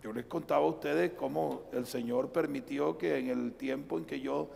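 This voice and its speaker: A Colombian man preaching a live sermon as pastor, swinging between loud preaching and quiet, low asides. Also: fairly even intonation, normal speed, creaky. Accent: Colombian Spanish. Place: church sanctuary. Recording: reverberant church livestream.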